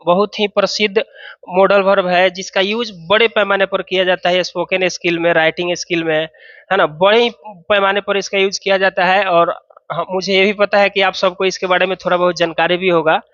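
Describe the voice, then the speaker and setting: A male teacher gives a classroom grammar lesson in a high, bright voice. He walks through each rule step by step, often posing a question and answering it himself. The sound is dry and slightly muffled. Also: flat delivery, a little fast, dry recording. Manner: explains step by step, asks and answers own questions. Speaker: English teacher.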